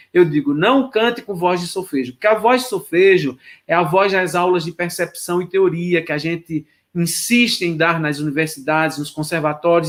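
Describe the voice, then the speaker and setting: A man's voice: sits high, a bit bright. A man giving a lecture on choral rehearsal technique, speaking to students and singing solfège syllables as examples. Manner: sings solfège syllables to demonstrate; addresses students directly, instructive. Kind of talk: lecture with sung solfège demonstrations.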